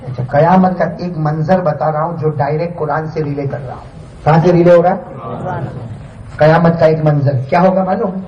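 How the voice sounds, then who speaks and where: A man's voice: on the high side, steady tone, lo-fi sound. A man preaching to a congregation, calling for spoken answers from the crowd and chanting Quran verses in a melodic recitation. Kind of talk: sermon with call and response. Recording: echoey, distant mic, faint noise.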